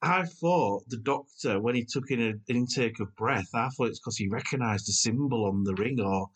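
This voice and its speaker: A man's voice: mid-range voice, normal speed, slightly rough, rough recording. A man co-hosting a casual podcast chat, enthusiastic and full of trivia. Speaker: podcast co-host.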